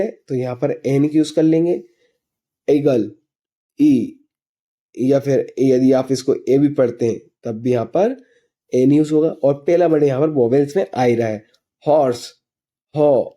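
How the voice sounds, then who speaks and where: A man's voice: fairly high pitch, dark tone. Patient man teaching English grammar. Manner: asks and answers his own questions while teaching; slow, patient explanations. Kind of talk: classroom lesson explaining grammar.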